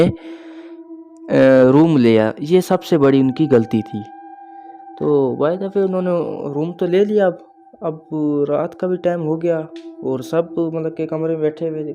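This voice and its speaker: A man recounts a scary tale in a loose, chatty way, stumbling through fillers and calling his listener brother. His voice sits a little on the high side. Music plays clearly beneath him. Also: dark tone. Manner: rambling, many fillers, addresses listener as brother. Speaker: storyteller. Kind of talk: casual spoken horror storytelling.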